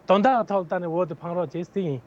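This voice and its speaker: A man's voice: high voice, moderate pace, dull audio. A man who is a political candidate, giving long, earnest answers as an interview guest. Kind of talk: answering interview questions at length.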